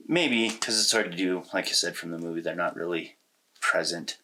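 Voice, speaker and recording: A podcast co-host with a low voice talks at a moderate pace in a pushed, bright way, chatting informally and with plenty of slang during a casual conversation about movies. There's slight background noise.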